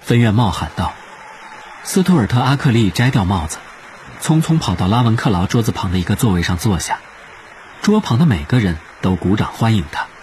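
Male audiobook narrator, expressive, low voice, lively pitch. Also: brisk, slight background noise.

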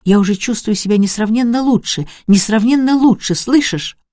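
A reader voicing a young, gravely ill woman who insists feverishly that she will live and orders others about. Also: medium pitch, moderate pace, a little mellow, no echo, clean studio sound, pitched above the performer's own voice, lightly acted. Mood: defiant. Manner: pleading, then commanding and mocking. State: coughing, short of breath.

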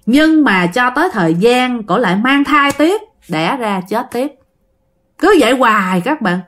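A woman with a Southern Vietnamese accent telling a ghost story casually, chatting directly to her listeners. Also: mid-range voice.

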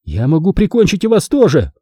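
A man's voice: very animated, measured pace, mellow, breathy edge, no echo, clean studio sound, exaggerated voice. A man reading an audiobook voices a furious, accusing young woman, the daughter of a mafia boss. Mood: defiant. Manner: shrill, accusing.

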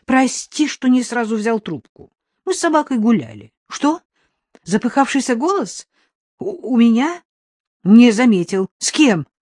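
A woman's voice: on the high side, very animated, a little slow, darkish tone, no echo, studio quality, voice pushed up. Woman reading a tired, fibbing young man. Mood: flustered. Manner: mumbling, sheepish excuses. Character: weary, fibbing young man, dog's owner. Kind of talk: audiobook character reading.

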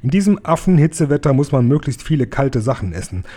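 A coarse man-eating giant bellows and sneers his boasts, as a man puts him on in a raised, pushy voice. The timbre stays dark and mellow underneath. It is a storybook read aloud with bullying glee. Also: mid-range voice, very animated, fast talker. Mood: boastful.

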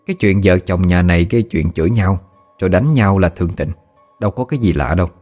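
Male narrator, low voice, steady storytelling pace. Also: fast, faint music behind. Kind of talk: scripted narration.

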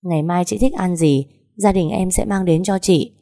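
Casting: a woman reading as a friendly, eager young helper, low and mellow, storybook dialogue. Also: moderate pace, vocal fry. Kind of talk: audiobook dialogue.

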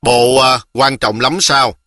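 A man's voice: mid-range voice, fairly even intonation, takes it slowly, sharp tone, no room sound, studio quality. A man voicing a boastful, cocky village boy, teasing and breezy.

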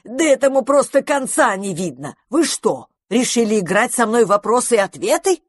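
A woman's voice: on the low side, very animated, no echo, clean studio sound. A woman playing a sly, mocking magpie. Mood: irritated. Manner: sly, drawn-out taunting. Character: cheeky greedy female magpie, mocking.

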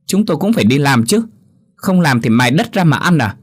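A man voicing a spiteful young village wife, shouting shrill abuse at her family. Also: sing-song, a little fast, breathy edge. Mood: scolding.

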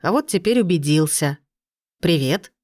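A woman reading a first-person novel aloud in a steady storytelling manner. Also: on the low side, normal speed, dry recording, studio quality. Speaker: audiobook narrator.

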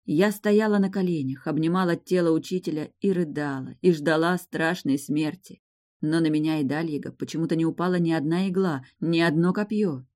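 A woman's voice: fairly low pitch, dark tone. A woman narrating a first-person fantasy novel with vivid, emotional storytelling. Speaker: audiobook narrator.

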